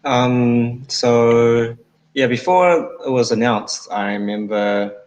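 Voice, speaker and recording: A man's voice: mid-range voice, slow pace, darkish tone, rough recording. A man, a guest speaker at an online talk, thinking aloud with many fillers. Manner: thoughtful, rambling, many fillers.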